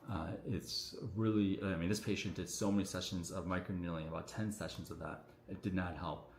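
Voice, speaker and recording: A man, a doctor, answering viewer questions on a casual livestream in a relaxed, chatty way full of fillers, his voice echoing around the room. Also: sits low, a little fast, a little hiss or hum. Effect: echoing room sound on the stream. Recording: echoey room audio on a livestream.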